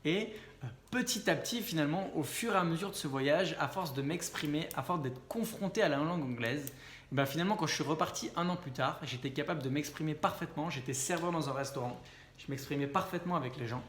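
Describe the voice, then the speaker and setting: A man's voice: a little high, quick pace, fairly bright tone, a little hiss or hum. Chatty French man in an echoey room. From France. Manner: chatty, with frequent fillers and self-corrections. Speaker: vlogger and speaking coach. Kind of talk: casual talk to camera.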